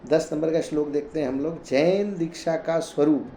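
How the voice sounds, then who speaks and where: A Jain scripture reader and teacher slowly chants verses, then explains them in plain, conversational Hindi. His fairly high voice is mellow and relaxed, heard in an echoey room with a faint hum.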